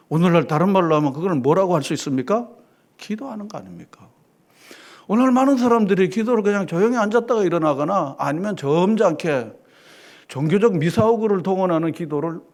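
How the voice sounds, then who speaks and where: A man preaching a sermon as pastor, fervent, swinging between loud declarations and quiet drops. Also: a little high. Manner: fervent preaching, rising and dropping dramatically.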